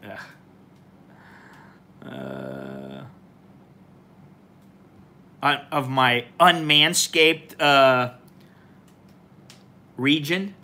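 A man in his forties hosts a loose, rambling live stream, chatting informally with his viewers and filling his pauses with "uh" and "um". His voice is bright and forceful. A faint hiss of room noise sits under him as he talks to a nearby camera in a small room. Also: medium pitch, sing-song. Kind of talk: casual live stream chat. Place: small indoor room with a plain wall.

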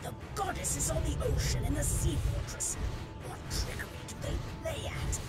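An actress playing a proud, stern red dragon in a fantasy video game, with a commanding warrior-goddess delivery and formal archaic phrasing, under music. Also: female voice, high-pitched, normal speed, close to an everyday voice. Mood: grave, urgent. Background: loud music and game sounds.

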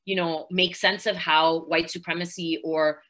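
Low-voiced woman on a video call, bright and forceful, earnest panel talk. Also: level tone, a little slow. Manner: earnest, fluent activist talk with fillers. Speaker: panelist, podcast host. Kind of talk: online panel discussion.

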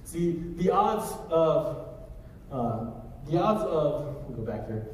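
A man's voice: fairly high pitch, very animated, slow, darkish tone, slight background noise. Man preaching in an echoey sanctuary. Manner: conversational preaching, walks the stage gesturing. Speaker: pastor. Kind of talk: sermon. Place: large church sanctuary. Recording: echoey hall from far off.

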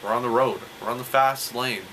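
A young man giving casual, rambling wrestling analysis, animated and full of rhetorical questions. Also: medium pitch, brisk, slight background noise, rough recording. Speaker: wrestling vlogger.

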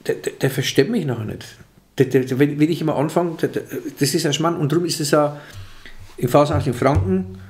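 With a fairly high-pitched, slightly mellow voice and a brisk pace, an older man with a Franconian accent chats as a comedian guest. The casual interview takes place in a small office room with a table microphone, and he gestures and restarts his sentences often.

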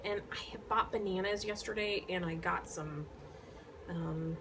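A knitting vlogger chats casually to the camera in a fairly low, slightly slow voice, with background noise behind her. She rambles to her viewers, full of ums and restarts.

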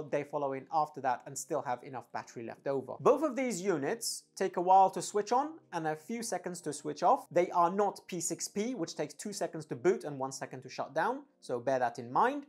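A woman with a low, darkish voice gives a casual, opinionated review of some gear. She speaks emphatically, in the easygoing manner of a product reviewer.

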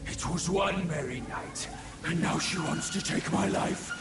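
An actor voicing a boastful, mouthy male pig demon companion in a video game cutscene, with a gravelly, theatrical voice. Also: high-pitched, unhurried, exaggerated voice. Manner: theatrical, sarcastic complaining. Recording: game cutscene with loud music.

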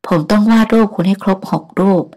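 A woman's voice: quick pace, warm tone, natural voice. A woman voicing a stern, impatient young French painter who speaks firmly and insistently. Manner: firm, clipped and insistent.

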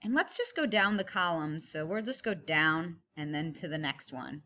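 A woman's voice: low-pitched, expressive, normal speed, pushed and bright, dull audio. A woman with a kindergarten teacher's manner, giving simple step-by-step instructions to young children and stressing key words.

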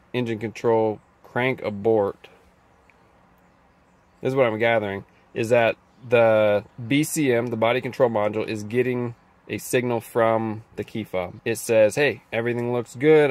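A man working as a mechanic, talking through a scan tool diagnosis inside a car, thinking aloud and reading out values. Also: medium pitch. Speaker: auto mechanic. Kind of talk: casual diagnostic walkthrough.

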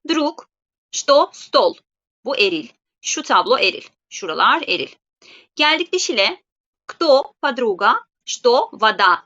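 A woman teaching Russian grammar in a live online lesson. She explains patiently and slows down to say each example. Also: a little high, sharp tone, lo-fi sound.

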